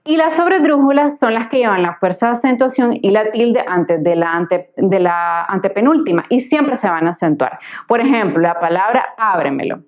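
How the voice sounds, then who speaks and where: A woman's voice: medium pitch, lively intonation. Patient woman tutor, slightly muffled. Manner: patient, spells words out slowly syllable by syllable. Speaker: Spanish tutor. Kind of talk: explanatory grammar lesson. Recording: slightly dull lo-fi recording.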